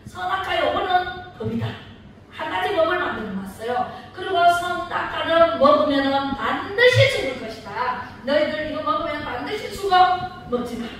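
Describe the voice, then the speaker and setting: A woman's voice: high voice, animated, moderate pace, a bit bright. A woman pastor preaching a sermon in a church, storytelling with energy and asking the congregation questions. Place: church sanctuary. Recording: very echoey church hall, distant mic, faint noise.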